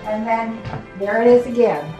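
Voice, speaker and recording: A woman's voice: a little high, unhurried, mellow, highs cut off. An older woman in her seventies talks casually and cheerfully, laughing often and pointing things out in short remarks. She is recorded outdoors on a home tour by a nearby camera, with light music underneath. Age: 70s. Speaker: homeowner and artist. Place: house and backyard patio, outdoors.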